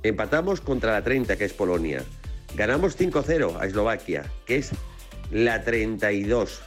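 Guy calling into sports radio, lowish voice, lays out his point step by step, music faint. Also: very animated, normal speed. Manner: methodical, comparing stats. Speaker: caller. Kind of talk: call-in comment.

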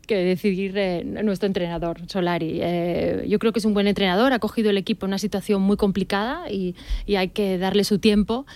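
A middle-aged woman from Spain sits in as a guest on a chat show. She tells her stories in a chatty, animated way. Her voice sits at a middle pitch. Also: fairly quick. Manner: chatty, warm storytelling with laughs. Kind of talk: casual chat.

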